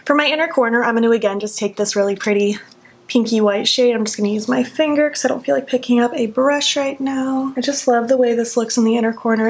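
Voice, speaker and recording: A young beauty vlogger films a casual makeup tutorial at home, speaking softly in a sleepy, early-morning voice. She narrates every step as she goes, and her voice sits high.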